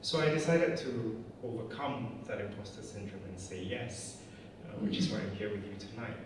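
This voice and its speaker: A man in his forties, originally from Malaysia, speaks reflectively and candidly at an evening event, his voice sitting a little low. He is heard from some distance across a large, echoing church hall, with a clear hum of room noise behind him. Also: expressive, moderate pace. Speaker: director of a climate communications charity. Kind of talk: personal talk at an evening event. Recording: echoey hall, distant mic, audible noise.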